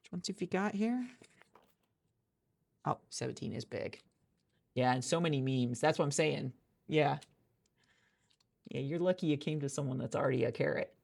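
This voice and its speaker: A woman plays a hiring manager in a soft-spoken ASMR roleplay recorded at a friend's office, rambling chattily and restarting often. She has a deep, gravelly voice, a moderate pace, and pauses frequently.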